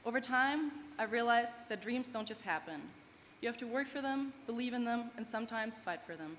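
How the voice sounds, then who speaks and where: A young woman from Germany speaks English, her second language, in an earnest, heartfelt prepared commencement speech. Her voice is a little high and fairly bright, with lively intonation at a moderate pace. Long reverb fills the large hall, and faint background noise lies beneath.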